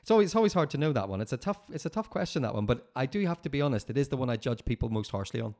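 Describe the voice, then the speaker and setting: A man with a mid-range voice talks very quickly as a podcast host. His style is casual and encouraging, built from short repeated phrases. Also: mid-range voice, very animated, darkish tone. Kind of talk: casual interview chat.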